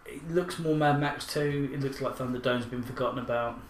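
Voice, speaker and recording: Chatting casually about movies, this male podcast host swears without restraint. He speaks at a medium pitch and a little fast. Faint hiss and a roomy echo color the recording.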